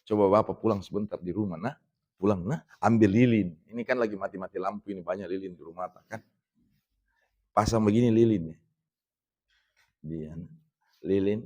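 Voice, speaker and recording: A middle-aged man from Indonesia giving a religious lecture in a mosque, talking conversationally to the men present and reciting Arabic phrases slowly. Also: fairly low pitch, mellow.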